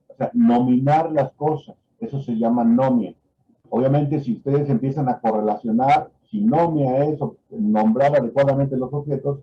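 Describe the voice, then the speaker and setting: A man's voice: mid-range voice, phone-quality sound, slight background noise. A man giving a medical lecture, explaining patiently and tagging his points with "¿no?" and fillers. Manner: explanatory, with frequent fillers and "¿no?" tags. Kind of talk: lecture on a neurological exam. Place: online class.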